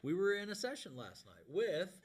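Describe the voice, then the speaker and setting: Folksy man hosting live, higher-pitched, warehouse sound. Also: very animated, moderate pace, slightly rough. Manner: folksy, informal, colloquial. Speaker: host of a live music show. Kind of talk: casual live show chat. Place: warehouse space. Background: guitar playing.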